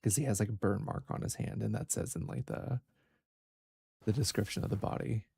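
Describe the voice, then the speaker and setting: A man's voice: lowish voice, fairly even intonation, fairly quick, gravelly, dark tone, husky. A man hosting a let's play, thinking aloud and musing over clues in casual gameplay commentary.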